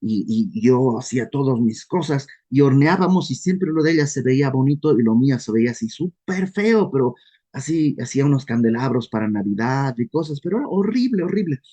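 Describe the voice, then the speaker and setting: A man with a Mexican accent leading a casual verse-by-verse Bible study, lively and self-deprecating, often acting out questions in quoted voices. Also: medium pitch, brisk. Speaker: Bible teacher.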